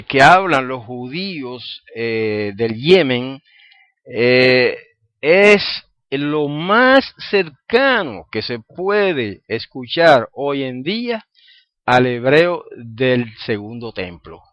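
A man teaching Hebrew in a religious talk, rambling and circling back over his words. His voice sits at an ordinary middle pitch. The recording is dull and dry, with no room sound. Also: big pitch swings, drawn-out words, dry recording. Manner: rambling, repeats words while searching for them. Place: home library.

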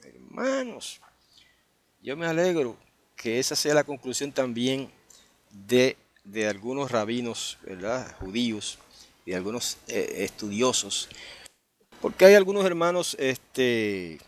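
A man's voice: mid-range voice, animated, unhurried. A man teaching a Bible passage in a conversational way, often checking in with the listeners and restarting phrases. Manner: conversational, full of tag questions and restarts. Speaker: preacher.

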